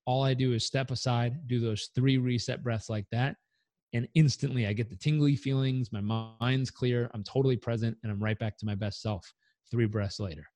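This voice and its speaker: A man speaks as a guest coach on a podcast, energetic and motivational. His voice sits in a middle register. The sound is dry and close, with no room around it. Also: medium pitch, normal speed, dry recording. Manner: energetic, motivational, leads breathing exercise aloud. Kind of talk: podcast interview.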